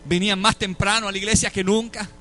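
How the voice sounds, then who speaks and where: A man's voice: high-pitched, little pitch movement, fast talker, sharp tone, a little hiss or hum. A Puerto Rican man preaching a sermon, telling a story and acting out the dialogue with dramatic shifts between voices. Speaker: pastor. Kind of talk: sermon testimony.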